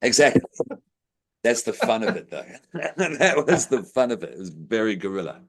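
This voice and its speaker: A man co-hosting a podcast, chatting casually in a jokey, rambling way with bursts of loud excitement. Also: on the low side, moderate pace. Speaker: podcast co-host. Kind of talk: casual podcast sign-off chat.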